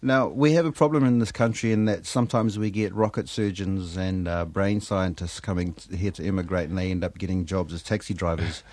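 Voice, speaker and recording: A man with a New Zealand accent hosting a radio interview in a studio, with a smooth, measured broadcast delivery and dry asides. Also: sits low, steady tone, darkish tone, no room sound. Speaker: radio show host. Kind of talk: radio interview and show introduction.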